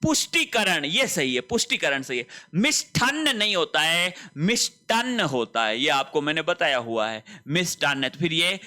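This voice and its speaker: A man's voice: fairly high pitch, expressive, normal speed, hardly any pauses, bright, forceful tone. A man teaching a Hindi spelling lesson for exam preparation, walking through each option step by step and asking rhetorical questions, with a Rajasthani accent.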